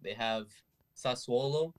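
A man's voice: medium pitch, takes it slowly, clean tone. A man chatting casually about sport in a slangy, teasing way.

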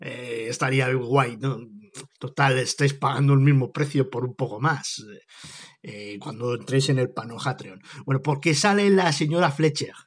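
A man hosts a podcast in a loose, rambling monologue. He jokes and wanders off topic in an easygoing, conversational way, at an ordinary middle pitch. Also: normal speed, husky. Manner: chatty, jokey, digressive. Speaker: podcast host.

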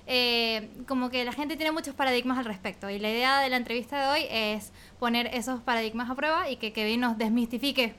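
A woman's voice: sits high, pushed and bright, smooth. A woman hosting a podcast, introducing and interviewing a guest in friendly, casual talk, laughing often. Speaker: podcast host.

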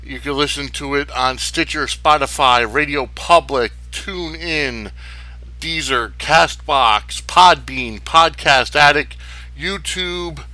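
A man's voice: a little high, slow pace, pushed and bright, no echo, rough recording. A man hosting a sports podcast solo, talking casually in a rambling, opinionated way. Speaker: sports wrestling podcast host.

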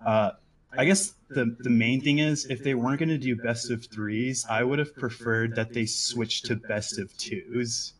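A man's voice: medium pitch, steady tone, a little slow, a crowd in the background. Hesitant male caller thinking aloud. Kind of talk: casual call-in.

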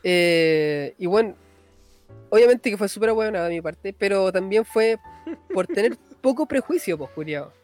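Young Chilean man, high voice, rapid slangy storyteller, faint music bed. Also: animated, darkish tone. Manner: fast slangy storytelling, frequent "cachai" tags. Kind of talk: casual storytelling chat.

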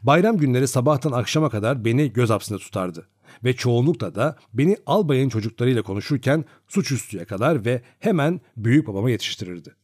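A man's voice: mid-range voice, breathy edge, dry recording, clean studio sound. A man narrating a classic novel as an audiobook, reading expressively. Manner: expressive storytelling.

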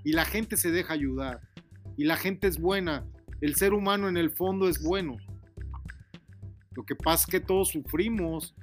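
A man talking to his daughter in a casual heart-to-heart, earnest and preachy, lecturing her about humility. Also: fairly high pitch. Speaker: father giving advice.

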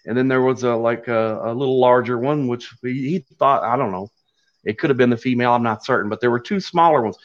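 Folksy Appalachian Kentucky man, dull lo-fi audio. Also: mid-range voice. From Kentucky, USA. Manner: folksy, halting, unhurried telling. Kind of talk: casual oral storytelling.

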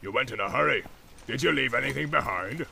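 Man putting on a gravelly orc captain. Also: mid-range voice, a little fast, a little hiss or hum, exaggerated voice. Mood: scornful. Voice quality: gravelly, barking. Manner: shouting orders, mocking laughter. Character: brutal male orc captain, bullying and boastful.

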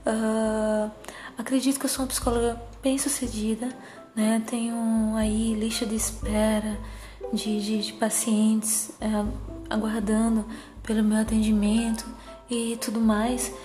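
Slow-talking woman with a cutesy, soft voice. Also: fairly high pitch, flat delivery, faint music behind. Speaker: psychologist. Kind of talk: reflective personal monologue.

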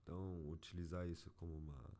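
Deep gravelly Brazilian man venting. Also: fairly even intonation, fast talker, mellow, a little hiss or hum. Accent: Brazilian Portuguese. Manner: frustrated, slangy, exasperated. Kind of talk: casual venting monologue.

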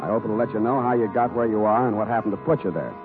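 An actor playing a wisecracking, world-weary private detective in a vintage radio drama, with wry, sardonic delivery. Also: male voice, on the low side, very fast, over music, natural voice. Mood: dry narrating. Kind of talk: 1940s radio acting. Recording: tinny vintage radio broadcast.

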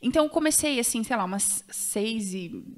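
A young Brazilian woman guest on a podcast, telling a story in an animated, chatty way with many fillers and restarts. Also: on the high side, normal speed. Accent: Brazilian Portuguese. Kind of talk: casual chat.

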